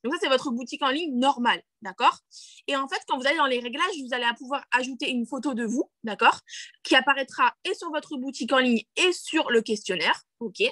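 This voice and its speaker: A woman with a high-pitched, bright, forceful voice talks fairly quickly as she leads a screen-share tutorial on a video call, with no room sound. A network marketing team leader, she chats loosely, uses many fillers and restarts, asks "d'accord?" often, and laughs self-deprecatingly about her English.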